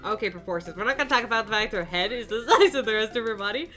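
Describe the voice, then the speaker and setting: A young woman hosts a casual reaction chat, giggling and exclaiming as she goes. Her voice sits a little high and swings widely in pitch, with a bright, sharp edge. Faint music plays underneath. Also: rapid-fire. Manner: giggly, animated, exclaiming in disbelief. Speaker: YouTube artist host.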